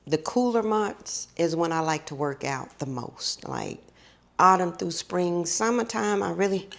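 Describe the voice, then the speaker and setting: Talking casually to her viewers, this middle-aged vlogger is chatty and long-winded, with "honey" and "baby" sprinkled in. The voice is fairly low and a little slow, creaky yet fairly bright, with a slightly tired, scratchy edge.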